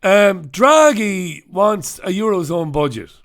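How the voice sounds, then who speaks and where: A man's voice: high voice, sing-song, takes it slowly, fairly bright tone. A man with a head cold, hosting a casual live stream where he reviews the newspapers, with sardonic, jokey asides. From United Kingdom. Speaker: host.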